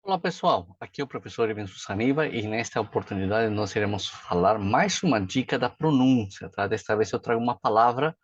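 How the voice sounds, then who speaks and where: Chatty teacher, dull dry recording. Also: male voice, lowish voice, no room sound. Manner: chatty, frequent "tá?" and "né?" check-ins. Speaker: pronunciation teacher. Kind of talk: casual video lesson.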